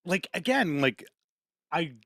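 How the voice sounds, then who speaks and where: A man co-hosting a podcast in casual chat, rambling and swearing often, with quick laughs between points. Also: on the high side, sing-song, fairly bright tone, no echo, studio quality. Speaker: podcast co-host.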